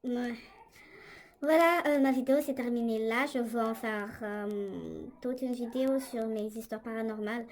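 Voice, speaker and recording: Speaking at a moderate pace in a slightly high voice, a young female vlogger casually recounts a story, hesitating often and using lots of fillers. It's recorded indoors through a tablet microphone.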